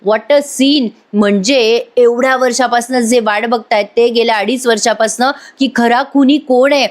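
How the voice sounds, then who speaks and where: A woman giving an excited voice-over recap of a serial episode, addressing viewers directly and mixing in English words. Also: fairly high pitch, unhurried. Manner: mixes English words into speech.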